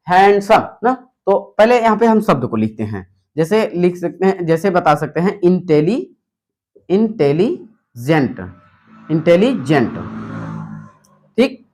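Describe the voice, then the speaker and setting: Young male tutor, high bright pitch, wide swings, quizzes the class and answers himself. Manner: repetitive, asks rhetorical questions then answers them. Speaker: English teacher. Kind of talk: whiteboard grammar lesson.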